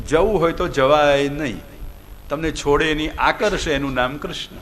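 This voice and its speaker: A man with a Gujarati accent delivers a devotional discourse in a voice pitched somewhat high. He often puts questions to his listeners and slows down to stress key words. A faint background hiss sits under the recording. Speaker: Bhagavat katha preacher.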